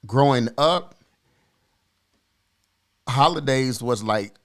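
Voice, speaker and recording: Reflective and earnest, a forties-aged podcast co-host shares a story from his own life, with many pauses and filler words. He speaks in a mid-range voice.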